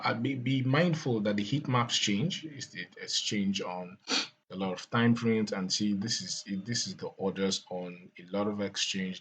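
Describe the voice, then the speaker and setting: A man talking through market charts, repeating words often and filling pauses with "uh". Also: fairly low pitch, bright, forceful tone, slightly rough. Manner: repeats words, many fillers and restarts. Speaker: crypto market analyst. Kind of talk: chart analysis talk.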